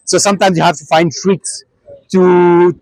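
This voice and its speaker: A young man, a cyclist answering questions in a relaxed interview, pausing and restarting often. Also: high voice, no room sound, poor audio. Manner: halting, many restarts and fillers. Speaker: traveling cyclist.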